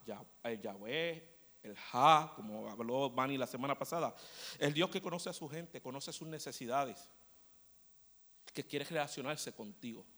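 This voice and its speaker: A man preaching a storytelling sermon in a church, often checking in with the congregation. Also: fairly high pitch. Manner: animated storyteller, asks the congregation "¿verdad?". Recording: long church hall reverb.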